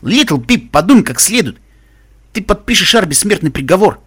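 A man's voice: high voice, big pitch swings, normal speed, breathy edge, pitched above the performer's own voice, full character voice. A man voicing a brash, cocky male pegasus pony who talks bluntly and teases his friends, in a storybook reading. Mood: warning.

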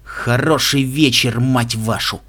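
A man voicing a gruff, curt tough man in an audiobook reading, speaking low and short. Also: a little fast, a little mellow, lightly acted. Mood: angry.

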